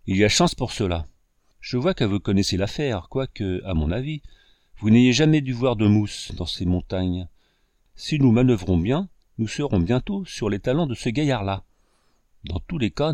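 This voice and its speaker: A man's voice: lowish voice, a little mellow, dry recording, studio quality, lightly acted. A man voicing a jovial old male backwoods hunter who speaks in an easygoing, folksy way.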